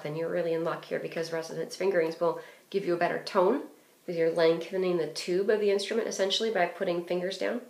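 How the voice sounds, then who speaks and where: A woman giving a clarinet lesson, explaining phrasing and fingerings in a practical way with frequent fillers. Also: lowish voice. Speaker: clarinet teacher. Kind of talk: instructional music lesson. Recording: roomy echo.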